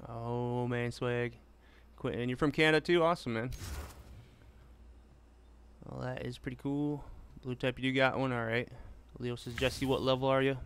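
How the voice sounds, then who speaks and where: A man with a steady, mid-range voice speaks at normal speed while streaming a racing game, chatting and answering viewers as he drives. Loud car sounds from the game run over his voice.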